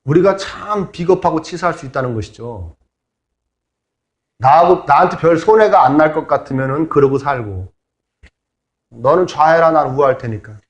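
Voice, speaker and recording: A man's voice: on the high side, animated, moderate pace, long pauses. A middle-aged man preaching as a pastor, in a conversational sermon with humorous asides. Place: church sanctuary. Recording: echoey church hall.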